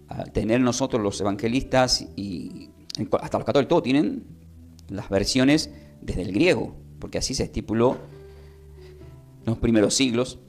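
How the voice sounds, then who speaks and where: A man's voice: mid-range voice, a little mellow. A man from Tucumán with an Argentine accent, teaching a Bible class and having his listeners repeat his phrases. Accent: Argentine Spanish. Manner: prompts listeners to repeat after him, emphatic rises. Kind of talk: Bible class preaching with call and response.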